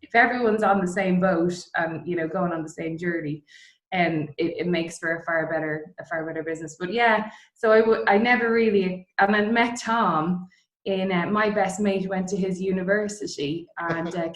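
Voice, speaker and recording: In an echoey, roomy recording, a Dublin-born woman in middle age talks casually about her own career as an interview guest and distillery co-founder. Her Irish-accented voice is lowish and fairly even in intonation, at a moderate pace.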